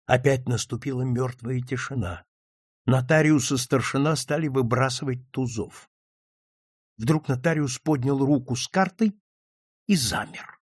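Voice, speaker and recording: A man's voice: medium pitch, slightly rough, no room sound, clean studio sound. A man narrating an audiobook in a dramatic reading style. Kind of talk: scripted narration.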